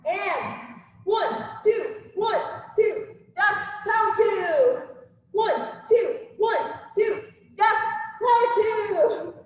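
High-pitched woman coach calling boxing combos, echoey. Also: drawn-out words. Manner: energetic, shouting counts and cues while exercising. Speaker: kickboxing coach. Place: indoor gym with turf floor. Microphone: far camera across the room. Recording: echoey gym hall, far from mic, muffled.

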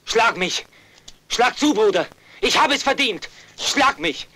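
A man's voice: very high voice, animated, slow, sharp tone, exaggerated voice, poor audio. A man dubbing a young adult younger brother, earnest and insistent, protective of his family. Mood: contrite. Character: protective younger brother, a fighter back home. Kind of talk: German film dub.

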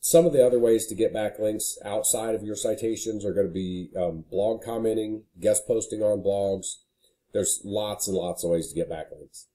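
A man's voice: on the low side, moderate pace, dark tone. A man casually walking through a screen recording as a marketing consultant, talking with frequent "you know" fillers. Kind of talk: screen-share walkthrough.

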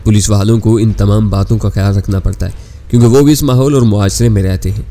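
Low, mellow male storyteller. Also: soft background music. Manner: steady storytelling, reads all characters in his own voice. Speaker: narrator. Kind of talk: scripted audiobook narration.

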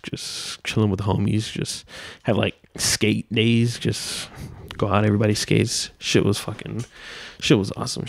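Twenties male podcast host, gravelly and relaxed, dry close-mic sound, loose unscripted rambling. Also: lowish voice, dry recording. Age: 20s. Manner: laid-back, loose and meandering, frequent filler words and swearing. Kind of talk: casual solo rambling podcast. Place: small room at home, seated by a door. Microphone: handheld dynamic mic, wearing headphones.

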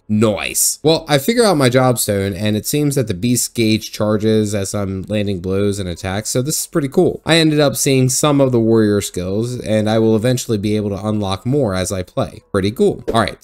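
A man's voice: on the low side, darkish tone. Joking male game recap host. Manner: sarcastic, joking, laughs often. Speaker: gaming video host. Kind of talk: narrated gameplay recap.

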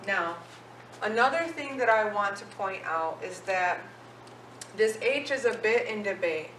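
A woman teaching a language lesson at an unhurried pace, pausing often to ask her learners if they follow. Her voice is picked up from some distance off in an echoey room with a faint hiss of background noise. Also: medium pitch, animated, a bit bright. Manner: patient, asks questions and checks in with "okay?". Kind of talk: classroom-style language lesson. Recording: roomy, echoey sound from a distant mic.

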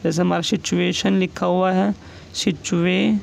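High gravelly male shorthand teacher. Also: little pitch movement, poor audio. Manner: dictates each example word slowly and repeats it. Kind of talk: classroom explanation.

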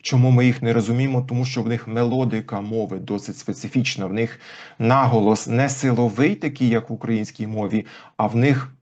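A man as an interview guest, explaining language history thoughtfully with frequent pauses. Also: mid-range voice, fairly even intonation, a little mellow. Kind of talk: conversational interview. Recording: dull lo-fi recording.

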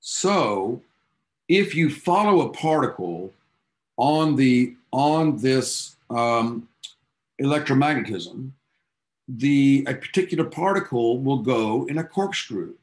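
A man's voice: mid-range voice, animated, slow pace. A male physics teacher lectures his class with a mid-range voice. He tells science history in an eager, chatty way, tossing in casual asides as he goes. The sound suggests a classroom. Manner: enthusiastic storytelling, casual asides.

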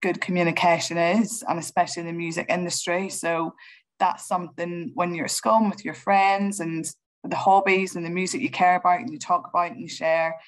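A woman in her thirties from Northern Ireland, with a Northern Irish accent, answers conversationally as a radio panelist on a video call. Her lowish voice is steady and fairly quick, and she speaks fluently and encouragingly. The recording quality is low.

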